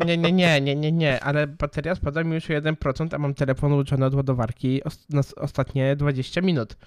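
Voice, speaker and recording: A man's voice: on the high side, level tone, fairly quick, smooth, no echo, clean studio sound. A man co-hosting a podcast in casual chat, stumbling over words, with a slight lisp from a missing front tooth. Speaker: podcast co-host.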